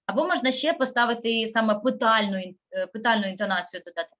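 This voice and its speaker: A woman's voice: a little high, fast, a bit bright, highs cut off. A woman teaching a primary school class, patiently sounding out syllables and words.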